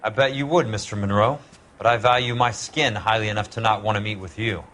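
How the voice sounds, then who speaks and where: An actor playing a blunt, sardonic American war-veteran investigator in a hard-boiled crime game. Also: male voice, on the low side, steady tone, a little fast, a bit bright, a little hiss or hum, lightly acted.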